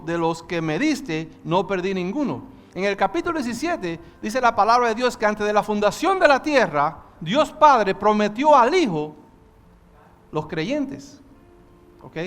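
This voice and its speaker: A man teaching a Bible study, talking fast and passionately and slipping English words into his sermon. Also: high-pitched, a bit bright, in a large hall. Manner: mixes English into Spanish. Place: church hall.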